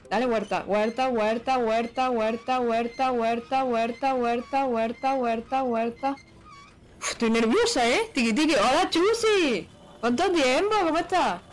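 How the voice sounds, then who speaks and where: A high-pitched woman gives excitable let's-play commentary. She keeps chanting the same words over and over as she plays. A faint background noise sits under her voice. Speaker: gaming YouTuber.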